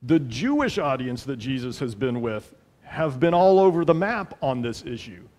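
Speaking from the pulpit of a large church sanctuary, a middle-aged male pastor delivers an earnest, emphatic sermon in a mid-range, darkish voice with a sing-song lilt and moderate pace. He repeats phrases for weight. His headset mic captures a long hall reverb around him.

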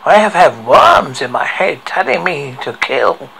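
Horror story killer, male, acted by a man: deranged, tormented, very gravelly, slightly high voice, theatrical delivery, slightly noisy amateur recording. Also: big pitch swings, bright, forceful tone, heavily acted. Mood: menacing. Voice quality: heavily creaky, gravelly. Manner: slow, halting, theatrical delivery. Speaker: horror host. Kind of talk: dramatic horror story recital.

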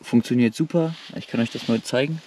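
A man's voice: mid-range voice, brisk, darkish tone, slight background noise. A young man vlogging outdoors at night in the woods, exhausted and soaked, talking in a plain, tired way full of fillers into an action camera held close. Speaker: survival vlogger. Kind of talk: casual outdoor vlog commentary.

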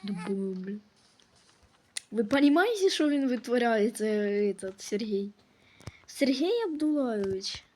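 A woman's voice: on the high side, very animated, darkish tone, a little hiss or hum. A woman giving casual let's-play commentary, scolding and swearing at the game characters as she plays. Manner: slow, drawn-out delivery. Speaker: gameplay commentator.

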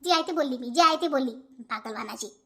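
A woman voicing a sulky young wife who dodges chores in a cartoon, with a Vidarbha Marathi accent, talking back quickly and indignantly. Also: bright, forceful tone. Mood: defiant. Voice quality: shrill and high. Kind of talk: cartoon voice acting.

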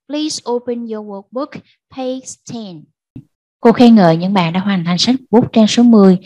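A Vietnamese-accented woman teaching an English class to children, slow and patient, repeating answers for pupils. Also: a little high, dark tone, dry recording, poor audio. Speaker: primary school English teacher. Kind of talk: online class lesson.

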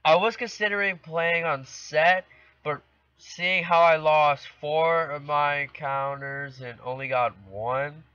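A man's voice: on the high side, fairly even intonation, slow pace, bright, forceful tone, clear, resonant tone, no room sound. A teenage boy commentating a video game from his bedroom, playfully trash-talking the opponents. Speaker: gaming channel host. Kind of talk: let's play commentary. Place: bedroom at home. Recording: dull lo-fi dry home recording.

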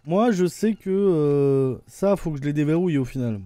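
With no echo, a man with a French accent rambles through live-stream game commentary at normal speed. His slightly high, dark-toned voice is animated but hesitant, packed with fillers like "euh" and a recurring "attendez."

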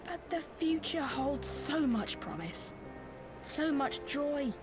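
An actress playing a soft-spoken, formal woman consoling a young lord in a game cutscene. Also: high-pitched, expressive, slow pace, over music. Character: gentle, courtly woman attending a young lord.

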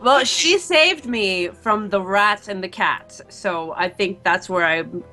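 A woman's voice: mid-range voice, slow, pushed and bright, faint music behind. A young woman talking casually as a player in a tabletop game. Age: young adult. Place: indoor room at home, on a group video call.

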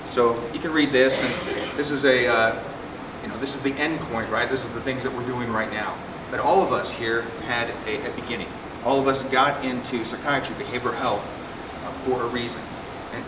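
At a symposium, a middle-aged male psychiatrist speaks in a steady mid-range voice, fairly quick and with few pauses. His talk is conversational and humorous, full of fillers and restarts. The recording comes from a conference room with a projector screen, echoey, distantly miked, and humming with air conditioning.

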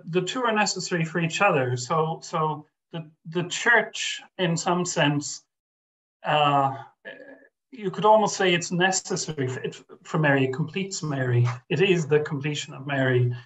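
An older man from Ireland joins a video call by webcam from his home study as a guest scholar, his voice a little high and a bit bright on a rough recording. He speaks thoughtfully yet haltingly, often restarting and using fillers.

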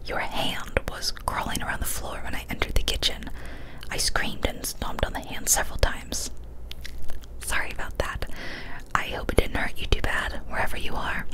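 A young adult woman hosting ASMR whispers softly and breathily into a close studio microphone on an arm, in an unvoiced whisper with slow, soothing, gentle delivery. She reads a story and chats in a small decorated room indoors, though the recording quality is low.

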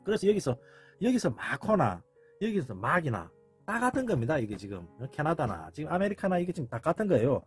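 Man, very husky voice, lively swinging intonation, informal lecture, repeats himself, faint music behind. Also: on the high side, a little fast. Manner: animated, repetitive, acts out quoted exclamations. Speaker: channel host explaining word comparisons.

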